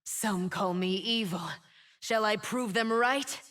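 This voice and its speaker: This actress, using a mid-range, fairly bright voice, brings a wounded and defiant immortal winged woman to life in a game's scripted voice lines. The character is proud, and the delivery is slow, solemn and dramatic.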